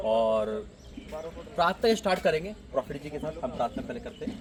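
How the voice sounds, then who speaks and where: Preacher guy outdoors at a building site, loud with no mic, declaring blessings, voice a bit high. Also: animated, quick pace, a crowd in the background. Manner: speaks loudly without a microphone. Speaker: pastor. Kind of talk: fundraising sermon.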